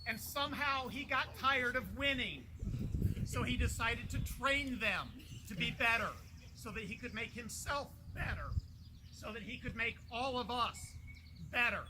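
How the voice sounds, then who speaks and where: A man delivering a formal, declamatory ceremonial speech with measured pauses, as a master of an order. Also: very high-pitched. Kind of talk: formal ceremonial speech in a historical reenactment society. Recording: noisy outdoor event recording.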